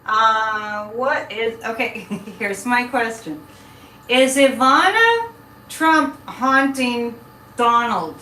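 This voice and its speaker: This live show host and psychic has a slightly high, expressive voice with a sharp tone and drawn-out words. She chats casually with viewers, wandering and breaking off mid-thought. A distant mic records her in an echoey room, with faint noise present.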